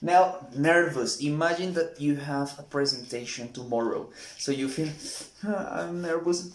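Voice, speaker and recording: A man teaching English vocabulary in a lesson, acting out each example in an animated way. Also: medium pitch. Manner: slow, animated, acts out examples. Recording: echoey room.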